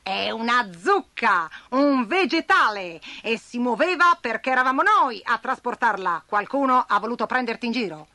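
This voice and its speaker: A woman's voice: fairly high pitch, animated, normal speed, hardly any pauses, bright, forceful tone, dry recording. A woman voicing a tiny, clever male ant chief with a cheery, teasing manner.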